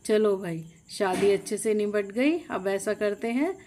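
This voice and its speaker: A woman's voice: mid-range voice, a little slow, a little mellow, a little hiss or hum, natural voice. A woman voicing an easygoing older father-in-law in a storybook tale. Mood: relieved.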